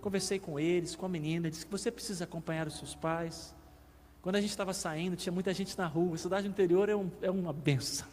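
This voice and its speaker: Brazilian male guest pastor, vivid testimony sermon, raised high voice, in a reverberant church hall. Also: steady tone, quick pace, a little mellow, a little hiss or hum. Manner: vivid storyteller, acts out dialogue. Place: church sanctuary.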